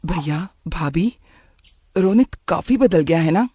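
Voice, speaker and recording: A man's voice: a little high, animated, takes it slowly, mellow, husky, no echo, clean studio sound, full character voice. A man putting on a doting middle-aged cartoon aunt. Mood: earnest. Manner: affectionate, complaining. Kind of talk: cartoon voice acting.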